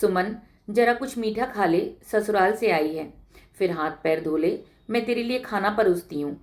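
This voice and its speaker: A woman's voice: mid-range voice, normal speed, darkish tone, close to an everyday voice. A woman voicing a protective, cautious village mother in a read-aloud story. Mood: caring.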